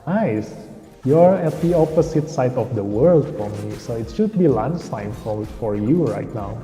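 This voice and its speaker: A young Indonesian man with a medium-pitched, dark voice chats casually on a game stream, rambling, drifting off topic and often losing his thread. The recording is roomy, with a long reverberant echo and faint music behind him.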